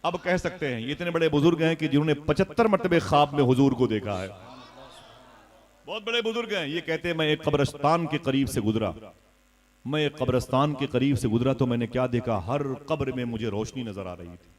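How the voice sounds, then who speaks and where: A man preaching a sermon at a live religious gathering, telling a story and swelling to loud cries as he urges the crowd to respond. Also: mid-range voice, brisk.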